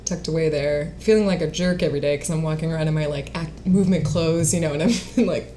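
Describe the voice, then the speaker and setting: She's a singer-songwriter and actress in her late twenties, talking fast in a low-pitched, dark voice during a casual interview. Fillers and frequent laughter pepper her speech, and there's slight background noise.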